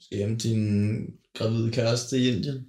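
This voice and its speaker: A man speaking as a podcast guest in casual chat, halting and subdued. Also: lowish voice, steady tone, roomy sound.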